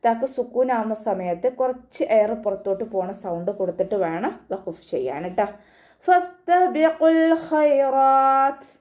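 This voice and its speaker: Mellow-voiced woman teaching Quran recitation. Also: medium pitch. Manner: patient step-by-step instruction, chanting sample verses slowly between explanations. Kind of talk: online tajweed lesson.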